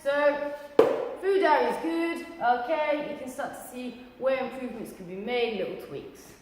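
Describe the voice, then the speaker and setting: A woman's voice: sits high, moderate pace. A woman giving a casual fitness talk as a coach, bubbly and cheeky, with whoops and asides. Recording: echoey hall with faint noise.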